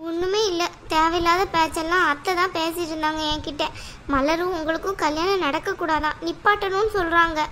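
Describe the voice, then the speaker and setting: A woman voicing an upset, sharp-tongued young wife in a cartoon. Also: very high voice, steady tone, brisk, a little hiss or hum. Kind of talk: cartoon voice acting.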